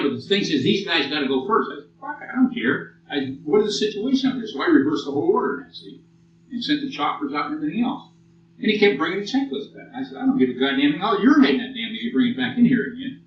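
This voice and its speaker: A man in his sixties with an American accent, lecturing a class and telling blunt, profane war stories. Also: fairly high pitch. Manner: blunt, profane, animated storytelling. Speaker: military lecturer. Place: lecture hall. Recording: muffled old tape from far off in an echoey room.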